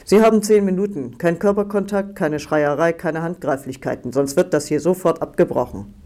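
A man's voice: a little high, normal speed, dark tone, close to an everyday voice. A man reading an audiobook voices a stern male prison guard who lays down curt rules.

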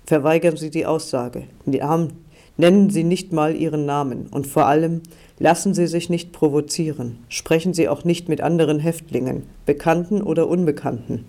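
A man doing a hushed, insistent advocate in an audiobook, urging and reassuring in low tones. His voice sits mellow and a bit high. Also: normal speed, lightly acted. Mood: urgent. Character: calm, urgent male rights advocate.

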